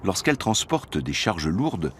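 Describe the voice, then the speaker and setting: A man's voice: deep voice, big pitch swings, unhurried, slight background noise. A man reading scripted narration as the narrator of a nature documentary.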